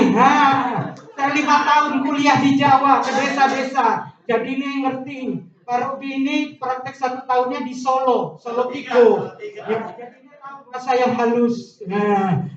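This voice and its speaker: A woman with a high voice preaches a sermon, calling out questions for the congregation to answer and stretching key words into a singsong. She is picked up from a distance in a very echoey church hall. The sound is dull and muffled. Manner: call-and-response, singsong stresses, lively asides.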